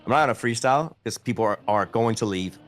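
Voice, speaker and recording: A Danish streamer chats casually with his viewers, answering their questions out loud and joking at his own expense. He speaks fast in a mid-range voice.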